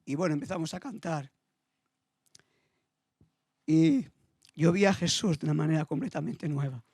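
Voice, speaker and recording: A man's voice: on the high side, very animated, moderate pace, creaky, a little mellow, slightly rough, no room sound, studio quality. A middle-aged man preaching a sermon, telling a personal story with feeling and repeating his phrases. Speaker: pastor.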